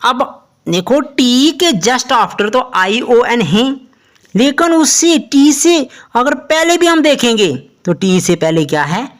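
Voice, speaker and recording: A woman teaching English pronunciation in Hindi, spelling out letters slowly and asking the listener questions as she explains. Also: a little high, sing-song. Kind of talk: explanatory lesson.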